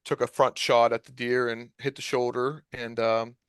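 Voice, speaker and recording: A man's voice: mid-range voice, flat delivery, normal speed, fairly bright tone, clear, resonant tone, no echo. A man in his twenties, a guest on a podcast, telling a hunting story in a casual, rambling way with lots of fillers. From Ohio. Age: 20s. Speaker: podcast guest, deer recovery drone operator.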